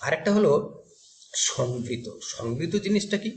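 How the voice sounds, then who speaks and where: A man's voice: a little high, lively intonation, moderate pace. A man teaching a grammar class to students. He explains step by step and asks questions that he then answers himself.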